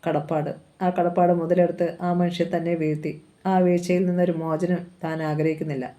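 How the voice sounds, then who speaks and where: Brief: woman narrating a novel aloud, low voice, mellow, steady and calm. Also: a little fast. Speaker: novel reader.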